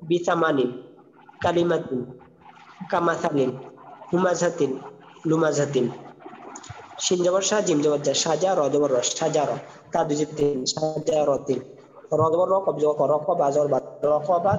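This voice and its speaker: A man teaching a Quran recitation lesson, spelling out words syllable by syllable in slow drills, recorded with dull, lo-fi sound and a long reverb. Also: a little high, darkish tone.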